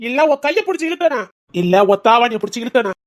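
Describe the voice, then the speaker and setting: A woman's voice: fairly high pitch, animated, quick pace, lightly acted. A woman voicing a hot-tempered young village man, scolding and bossy. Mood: threatening.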